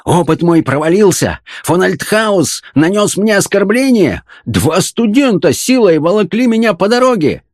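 A man voicing an irritable, bossy man, a cranky old professor in a young body, who shouts orders and rages. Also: on the high side, no room sound, studio quality, voice pushed up, close to an everyday voice.

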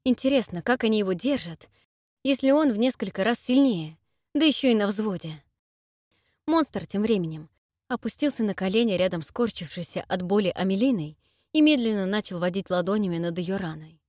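A woman reading a fantasy audiobook in measured scripted narration. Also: medium pitch, lively intonation, a little mellow, no echo, studio quality.

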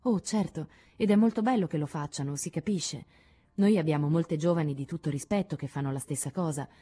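A woman's voice: low-pitched, fairly quick, mellow, husky. A woman voicing a prim, condescending young English lady, gracious but patronizing.

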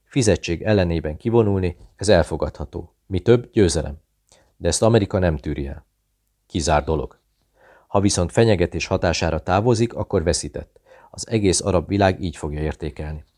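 A man reading a thriller novel aloud, voicing the dialogue within his steady, measured narration. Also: low-pitched. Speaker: audiobook narrator. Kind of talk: scripted narration.

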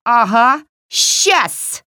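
A woman voicing a mocking, cunning old witch in a storybook reading, with a shrill, jeering manner. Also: sing-song, extremely slow, bright, forceful tone, no room sound, clean studio sound, heavily acted.

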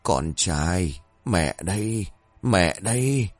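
A man voicing a greedy fake village medium woman who bosses people briskly and fakes a dead mother's voice. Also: sits low, expressive, dry recording, faint music behind, full character voice. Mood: feigned tender. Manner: brisk and bossy, then feigning a dead mother's voice.

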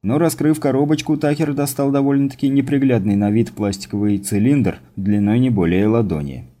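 A man reading a science fiction audiobook as narrator, in steady scripted narration. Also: mid-range voice, brisk.

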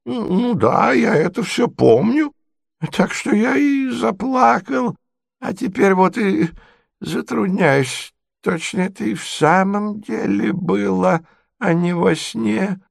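A man voicing a confused, sentimental old prince who rambles and turns tearful, in a high, quavering voice. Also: expressive, slow, vocal fry, no echo, clean studio sound, full character voice. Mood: eager. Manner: muddled, rambling, easily tearful.

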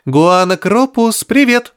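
A curious, playful young woman in an audiobook, voiced by a male reader. The voice is raised in pitch, with a teasing lilt. It stays light and animated. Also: extremely slow, clear, resonant tone, dry recording, studio quality, full character voice.

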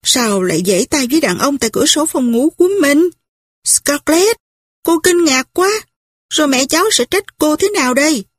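A woman's voice: sits high, expressive, normal speed, dry recording, clean studio sound, pitched above the performer's own voice. Woman doing a flustered, fretting old aunt. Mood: flustered scolding. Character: fussy, timid, tearful middle-aged aunt.

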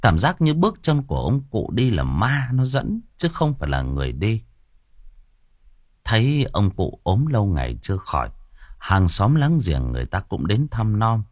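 A man narrating an audio story with a dramatic, expressive storytelling manner. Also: lowish voice, moderate pace, no room sound, clean studio sound.

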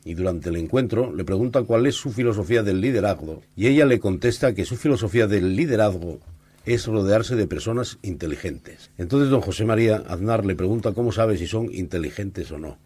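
A man with a Spanish accent from Spain, telling a joke on the radio in a lively storytelling manner with slangy asides. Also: lowish voice, brisk, slightly rough. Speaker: joke teller.

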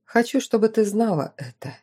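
A fond old-world duke with a dry, teasing way of speaking, as a woman narrator reads him. His voice comes across mellow and warm, and he talks to his family with gentle fatherly humor. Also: mid-range voice, animated, normal speed, slightly rough.

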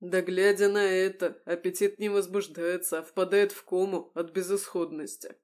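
Woman playing a big gruff cook guy, loud and growly, scoffs at everything, storybook reading. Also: on the low side, little pitch movement, moderate pace, lightly acted. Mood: mocking. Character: burly gruff male cook, cynical and mocking.

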